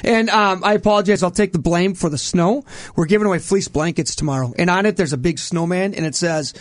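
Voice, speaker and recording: A man's voice: high voice, brisk, dry recording, studio quality. A man with a Minnesota accent, a hockey team guest talking casually and self-deprecatingly on a radio show. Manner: chatty, laughing, self-deprecating.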